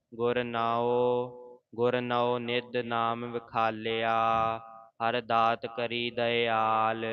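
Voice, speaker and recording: Man, scripture recitation, very slow, crisp clear voice, dull lo-fi audio. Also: medium pitch, no echo. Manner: slow, even chant-like reading line by line.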